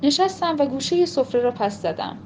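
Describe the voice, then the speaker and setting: A woman reads a short story aloud in a measured, expressive way. Her voice is high and clear. A faint hiss sits under the recording. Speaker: narrator.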